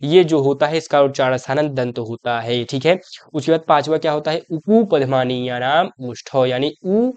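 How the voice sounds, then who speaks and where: A man's voice: fairly high pitch, moderate pace, hardly any pauses, darkish tone, smooth, no echo, lo-fi sound. A young man teaching an exam-prep grammar lesson. He explains step by step, asks questions and answers them himself, and keeps calling the viewer his brother.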